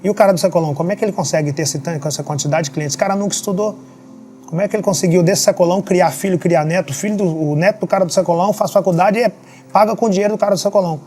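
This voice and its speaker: Rio guy on a podcast, talks super quick and a bit high, firing off rhetorical questions, soft music under it. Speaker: podcast guest. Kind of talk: motivational storytelling. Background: faint background music.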